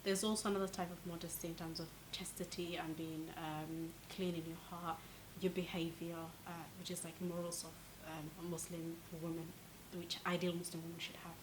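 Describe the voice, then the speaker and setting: A woman's voice: on the low side, little pitch movement, moderate pace, few pauses, noisy background. A woman from Somalia speaking earnestly in a documentary interview.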